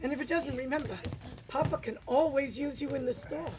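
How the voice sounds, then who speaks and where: An actress playing a worried mother who speaks softly to her son at his wedding. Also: high-pitched, brisk, lightly acted. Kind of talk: live stage musical acting. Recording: live stage with crowd noise.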